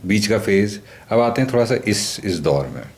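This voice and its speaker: A man from Kanpur hosting a podcast interview, asking measured, deliberate questions. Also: lowish voice, expressive, darkish tone. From Kanpur, India. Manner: measured, deliberate questions mixing Hindi and English. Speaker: podcast host.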